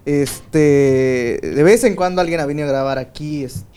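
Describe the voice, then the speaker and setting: A man with a soft, boyish voice that sits fairly high for a man. He chats casually in a small home studio, circling his points with fillers and breaking into laughs. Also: moderate pace, smooth. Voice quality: light, boyish voice. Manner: laughs often, rambling with many fillers. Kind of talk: casual chat.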